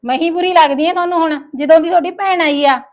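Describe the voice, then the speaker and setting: A high-pitched, scolding village wife with a Punjabi accent, played by a woman. She nags her husband and his sister in a sharp, grumbling tone. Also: quick pace, muffled recording. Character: nagging, jealous village wife, sharp-tongued. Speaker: quarrelsome wife and sister-in-law. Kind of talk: comic family drama acting.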